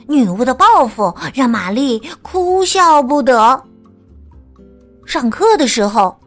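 一位女士给孩子讲睡前绘本故事，语调温柔，像唱歌一样拖长。. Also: female voice, high-pitched. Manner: gentle, sing-song, drawn-out storytelling. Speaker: children's storyteller. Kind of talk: bedtime picture-book narration.

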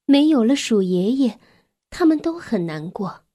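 A woman reads a children's bedtime story in a gentle, unhurried way, her voice a little raised. She softens at tender moments, at times sinking almost to a whisper. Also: on the high side, very animated. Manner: gentle, soft, sometimes drops to a whisper.

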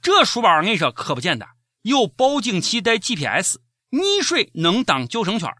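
A man's voice: high voice, wildly swooping pitch, normal speed, bright, forceful tone, no room sound, studio quality. A man with a Shaanxi accent hosting scripted satirical news commentary in a mocking, sarcastic manner. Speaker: host of a comic news show.

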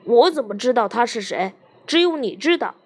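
A man's voice: sits high, lively intonation, brisk. A woman reading as a sulky jealous husband. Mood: angry. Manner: sharp, needling, sarcastic.

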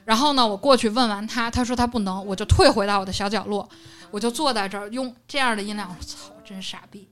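A young woman recounts a story in a lively, animated way, bouncing into the voices of the people she quotes. Her voice sits a little high, and faint music plays under the talk. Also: fast talker. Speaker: podcast co-host. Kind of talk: casual storytelling chat.

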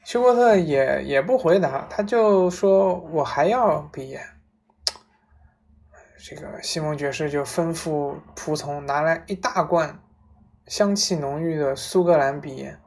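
A woman casually retelling a story aloud, relaxed, with frequent fillers and restarts. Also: low-pitched, a little slow.

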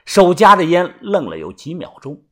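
A man narrating a first-person audiobook story in a colloquial way, filling pauses with drawn-out particles. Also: high-pitched, huge pitch swings, sharp tone.

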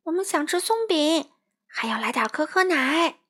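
A woman voicing an eager, bumbling young male crow in a storybook, excited and pleading. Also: sits high, moderate pace.

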